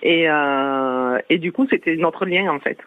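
A woman's voice: sits low, a little slow. A woman from Toulouse with a southern Toulouse accent, calling in to a radio show, chatty and giggling as she explains at length. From Toulouse, France. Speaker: caller. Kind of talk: phone-in chat. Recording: tinny phone line.

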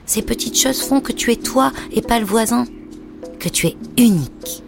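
A woman voicing a gentle, mysterious young mother who speaks tenderly and in hushed tones, with music underneath. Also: fairly high pitch, moderate pace, vocal fry, pitched above the performer's own voice.

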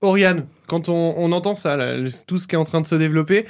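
A man's voice: fairly high pitch, quick pace. A male radio host interviewing guests in a chatty, self-deprecating way, with many hesitations.

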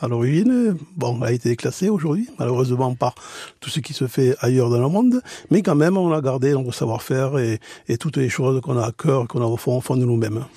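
A man's voice: medium pitch, animated, brisk, mellow, no room sound. A man, a tanner on a radio show, explaining his craft earnestly with many restarts. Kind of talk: radio interview.

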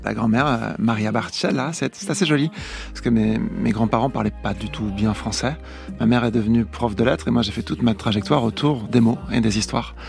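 A man with a French accent chats as an interview guest. His voice is gravelly at a medium pitch, with faint music in the recording. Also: a little fast, darkish tone. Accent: French from France. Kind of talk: casual radio interview talk.

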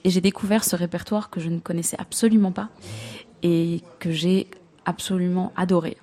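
A woman's voice: lowish voice, fairly even intonation, moderate pace, warm tone. Woman, light Belgian accent, opera singer, hesitant, restarts, casual radio interview. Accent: Belgian French, light. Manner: hesitant, many fillers and restarts, laughs easily. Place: live radio show before a public.

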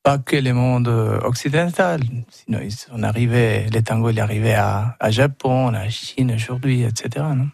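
Argentine man, halting French with foreign accent. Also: medium pitch, creaky, darkish tone, slightly rough, no echo, clean studio sound. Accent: Argentine Spanish accent in French. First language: Spanish. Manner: foreign accent in French, halting non-native grammar with searching hesitations. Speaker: festival artistic director, tango teacher and dancer. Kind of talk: radio interview answers.

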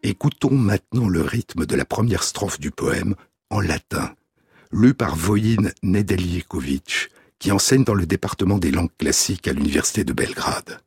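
A man hosting a radio program, reading a scripted essay in a measured, deliberate way. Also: deep voice, lively intonation, darkish tone, breathy edge, dry recording, studio quality. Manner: measured, deliberate reading, tapping out verse rhythms in syllables. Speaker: radio host.

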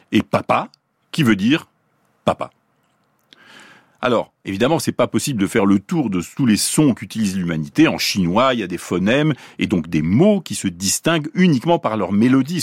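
A man from Paris explains in a scripted radio talk, his lowish, slightly husky voice rising and falling with lively melody. He slows down carefully to sound out examples, recorded dry in a studio. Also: no echo. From Paris, France. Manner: clear, lively teaching tone, slows to pronounce examples. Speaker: science columnist explaining linguistics.

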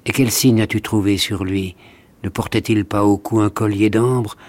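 A man's voice: fairly low pitch, steady tone, normal speed, darkish tone, close to an everyday voice. A man voicing a pleading beggar mother. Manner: pleading, sorrowful. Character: grieving beggar woman, a lost mother.

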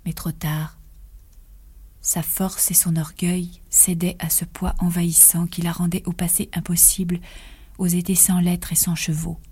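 A woman reading a story aloud for radio in an expressive voice that often drops to a whisper. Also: lowish voice, husky. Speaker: reader.

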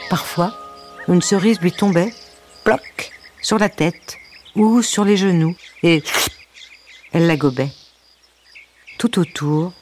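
A woman storyteller reading a children's story aloud, with a gentle, wry narration and playful asides. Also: low-pitched, a little hiss or hum.

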